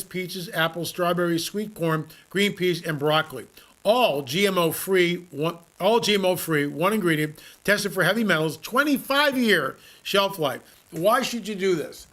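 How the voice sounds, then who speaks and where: Earnest talk radio host, high voice. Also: male voice, fairly bright tone. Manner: earnest, repetitive, emphatic pitch. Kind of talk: talk radio monologue and live ad read.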